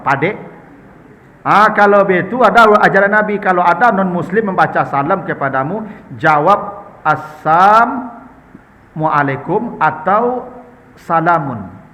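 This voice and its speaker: In a large hall, a high-pitched man with a fairly bright tone and a Minangkabau accent leads a conversational Islamic study session. He answers questions in a chatty, humorous way, frequently addressing the audience as sir and ma'am.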